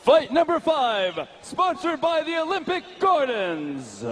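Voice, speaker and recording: Very high, lively male ring announcer. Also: slight background noise. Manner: booming, drawn-out.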